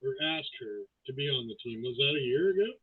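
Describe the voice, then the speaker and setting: A man's voice: mid-range voice, lively intonation, brisk, slightly rough, no room sound. A man hosting a casual chat, his voice muffled and hollow as if talking inside a fishbowl. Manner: loose, joking, swears casually. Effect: muffled, hollow audio like talking inside a fishbowl. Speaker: host. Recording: muffled, tinny phone-like line.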